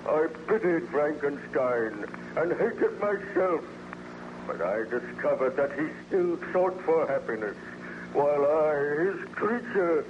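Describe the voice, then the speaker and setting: Wounded monster: slow, declamatory, tormented and remorseful. Vintage radio drama, muffled and noisy. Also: male voice, fairly high pitch. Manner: declamatory, anguished, archaic formal speech. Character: wounded, remorseful, bitter monster mourning his creator. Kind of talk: 1930s radio acting. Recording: noisy, muffled old-time radio recording.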